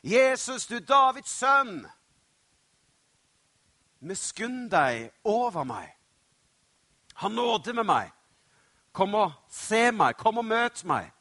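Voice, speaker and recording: A man voicing a desperate blind male beggar who loudly pleads for help, acted out in a sermon. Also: high voice, very animated, pauses often, no echo, pitched above the performer's own voice, full character voice. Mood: pleading. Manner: loud pleading cries. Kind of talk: sermon storytelling.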